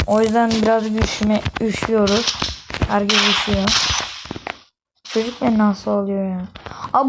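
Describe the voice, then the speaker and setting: Excitable young woman gaming commentary. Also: on the high side. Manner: excitable, swears under breath, talks to viewers. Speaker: gaming YouTuber. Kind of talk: casual game commentary. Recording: noisy home recording.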